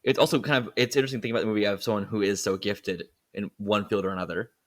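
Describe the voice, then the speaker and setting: A man's voice: fairly low pitch, steady tone, very fast, fairly bright tone. A man who makes films, a guest co-host talking casually and thoughtfully about filmmaking craft. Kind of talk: casual film discussion.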